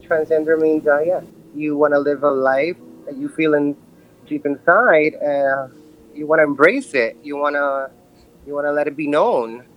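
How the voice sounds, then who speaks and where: A male-sounding voice in the early thirties, from Brooklyn, giving a personal interview in a halting, reflective manner. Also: on the high side, lo-fi sound, faint music behind. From Brooklyn, New York. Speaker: podcast guest.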